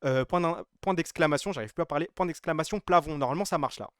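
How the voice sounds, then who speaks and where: A man's voice: on the high side, fast talker, smooth, no echo, clean studio sound. A man in his twenties, chatting casually on a live stream, rambling, joking and exclaiming to his viewers. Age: 20s.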